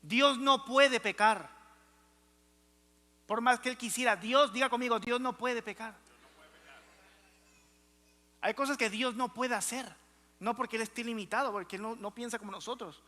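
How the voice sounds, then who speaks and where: High-voiced bright male pastor preaching. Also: normal speed, pauses often. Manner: emphatic, calls out to the congregation. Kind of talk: sermon. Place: church hall. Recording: reverberant church hall.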